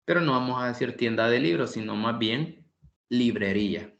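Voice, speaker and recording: A man's voice: medium pitch, a bit bright, lo-fi sound. Male tutor, patient and repetitive, echoey room recording. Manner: repeats each word slowly, explains patiently, clears throat often. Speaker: English tutor. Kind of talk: online language class.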